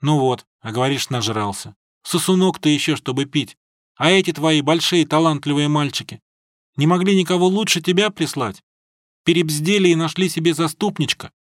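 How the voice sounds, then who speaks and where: A man doing a gruff drunken supervisor. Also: fairly high pitch, normal speed, no room sound, clean studio sound, close to an everyday voice. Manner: gruff, scornful, blunt. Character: gruff drunken middle-aged male supervisor.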